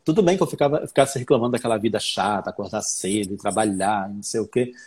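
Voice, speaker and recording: Husky man telling lively stories. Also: fairly low pitch, quick pace. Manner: animated storyteller, acts out his own past thoughts. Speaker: English teacher, interview guest. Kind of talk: casual interview chat.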